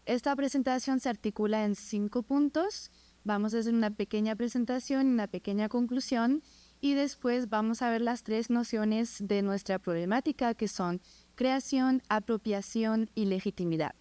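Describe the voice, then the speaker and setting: A French woman in her twenties, a master's student and non-native speaker with a French accent, gives a prepared academic presentation of her research. Her warm voice is on the high side at a normal speed, with no room sound.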